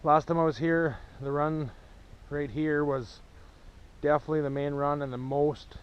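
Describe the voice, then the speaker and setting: A man's voice: on the high side, fairly even intonation, moderate pace, smooth, muffled recording. A man out of breath after a hard walk in, narrating a casual outdoor vlog at a pond in a plainspoken, rambling way, recorded on an action camera. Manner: plainspoken, rambling, matter-of-fact. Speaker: trapper filming his own channel.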